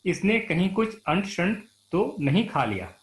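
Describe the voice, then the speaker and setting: A man's voice: high voice, big pitch swings, a little slow. A man reading the lines of a worried mother soothing her sick boy in a classroom play, with a coaxing, fretful delivery. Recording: roomy echo.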